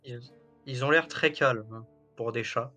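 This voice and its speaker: A man's voice: medium pitch, unhurried, sharp tone, faint music behind. Man narrating as game master. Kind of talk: narrating a tabletop role-playing game.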